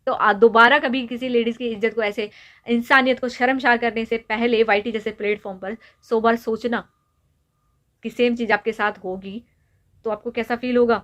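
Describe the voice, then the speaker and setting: A woman's voice: a little high, steady tone, moderate pace, fairly bright tone. A young woman vlogger lecturing and scolding someone directly to camera, repeatedly pressing her points home with rhetorical questions. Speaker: YouTube vlogger. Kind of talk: direct-to-camera opinion rant.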